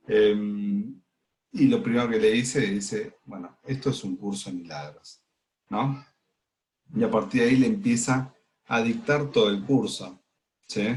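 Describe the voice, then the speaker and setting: A man with an Argentine Spanish accent gives a relaxed spiritual lesson to his group. His voice sits a little low, and he keeps pausing to ask if everyone follows, sprinkling his talk with small fillers. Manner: explains with frequent "¿sí?" check-ins and "digamos" fillers. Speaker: spiritual study group leader.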